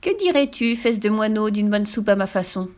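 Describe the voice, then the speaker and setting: A woman voicing a vain, furious old witch in a children's storybook reading, with theatrical, shrill, drawn-out gloating. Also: lively intonation, darkish tone, natural voice.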